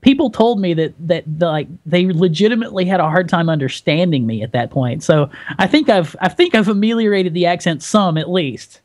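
A man's voice: sits high, brisk, few pauses. A man from Tennessee with a mild Southern accent, co-hosting a podcast in a rambling, casual way. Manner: rambling, talks with many fillers. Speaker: podcast co-host.

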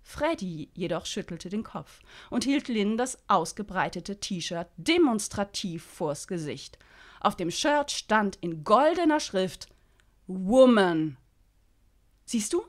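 A woman, a crime author, reading aloud from her novel with an expressive delivery. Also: mid-range voice, slow pace.

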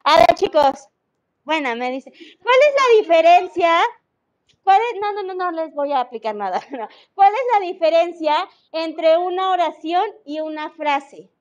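A woman's voice: extremely high pitch, lively intonation, measured pace. A woman teacher with a Mexican Spanish accent, explaining patiently in an online class and checking that students follow. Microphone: video call.

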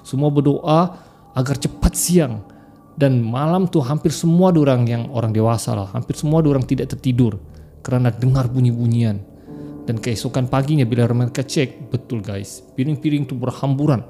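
A man's voice: mid-range voice, moderate pace, mellow, soft background music. A man telling horror stories in a chatty podcast style, often calling his listeners "guys". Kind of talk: casual horror storytelling.

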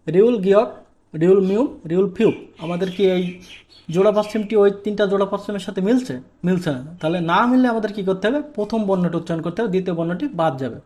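Explaining a language lesson, a man from Bangladesh speaks in a high, slightly mellow voice. He poses questions, answers them on his own, and goes back over the key points.

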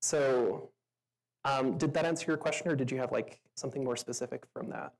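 Woman, very low voice, casual Q&A talk, filler-heavy. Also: a little fast, a little mellow, rough recording. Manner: chatty, filler-heavy, laughs often. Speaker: meetup speaker. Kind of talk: casual talk answering audience questions. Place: stage in a venue with an audience.

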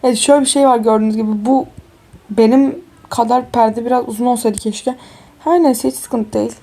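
A woman's voice: fairly high pitch, fairly even intonation, brisk, warm tone. A tired young woman chatting casually through a life-sim game, exclaiming and talking to her viewers as friends. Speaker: gaming YouTuber. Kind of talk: casual game walkthrough commentary.

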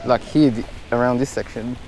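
An Australian man giving chatty, excitable commentary while fishing from a small boat on a river, recorded on an action camera. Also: medium pitch, brisk, low-quality recording. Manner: chatty and excitable, laughs often. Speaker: fishing vlogger.

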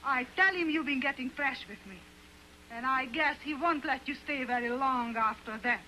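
An actress in an early sound film playing a frightened young wife who pleads in distress. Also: female voice, sits high, moderate pace, pushed and bright, slight background noise, poor audio. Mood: defiant.

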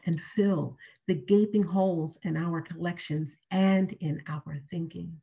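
A middle-aged woman giving a prepared keynote lecture over a video call from a room at home, speaking in a measured way with emphatic, repeated key phrases. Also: on the low side, darkish tone, husky. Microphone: webcam on a video call.

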